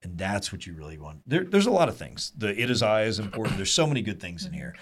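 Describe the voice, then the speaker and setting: A man leading a small group Bible study, telling the story earnestly and lively with asides to the group. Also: on the low side, fast, breathy edge. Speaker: Bible teacher.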